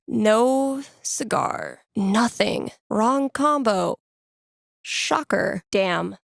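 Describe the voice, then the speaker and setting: A young adult woman voices a video game character with a wry, sardonic streak, speaking in loose slang like an easygoing music geek. Her middling pitch carries a fairly bright tone, and the sound is very dry with no echo or room around it. She comes across pensive and mildly frustrated.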